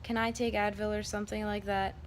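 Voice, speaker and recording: A woman speaks in a rambling, candid vlog style. Her mid-pitched voice moves within a narrow, even range. Faint background noise sits behind her casual telling. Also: a little fast. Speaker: vlogger. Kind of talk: casual personal vlog, recounting her surgery.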